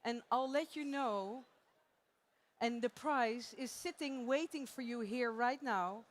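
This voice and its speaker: This Dutch-accented presenter from the Netherlands talks slowly during a live conference theater session. Her tone is light and talkative, full of frequent laughter, and her pitch runs a bit above typical for a woman.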